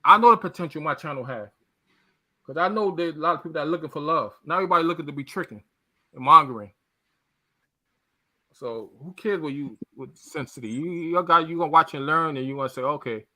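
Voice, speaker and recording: A man's voice: a little high, fast, sharp tone, no room sound. A middle-aged man with a New York accent arguing casually on a live chat, defensive and rambling, repeating phrases.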